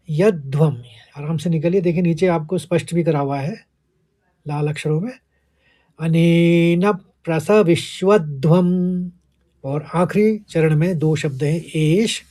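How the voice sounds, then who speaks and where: A man teaching a Sanskrit verse, chanting it slowly and breaking each word down syllable by syllable in careful pronunciation coaching. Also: on the high side, warm tone. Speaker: Gita teacher. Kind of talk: recitation lesson with word-by-word explanation.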